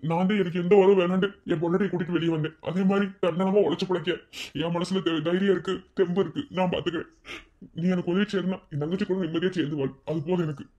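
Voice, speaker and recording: A man's voice: high-pitched, steady tone, quick pace, dark tone, lo-fi sound, lightly acted. A man voicing a proud, stubborn village man in a cartoon, with a Madurai accent, speaking firmly. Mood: resolute. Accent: Madurai Tamil. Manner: firm, proud.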